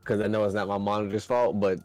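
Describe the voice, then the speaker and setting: A man's voice: fairly low pitch, level tone, fast, darkish tone, dry recording. A man, chatting casually in a blunt, profane, complaining way. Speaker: podcast guest. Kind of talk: casual chat.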